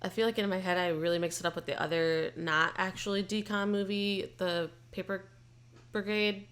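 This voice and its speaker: A young woman co-hosting a podcast, reviewing a movie in casual, animated chat and laughing often. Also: mid-range voice, normal speed. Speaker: podcast co-host.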